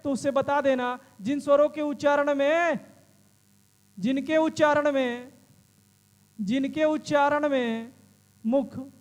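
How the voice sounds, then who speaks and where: High-voiced man teaching with lots of repetition. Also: in a large hall. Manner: repeats questions and answers them himself; calls students "friend". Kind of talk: exam-prep lesson.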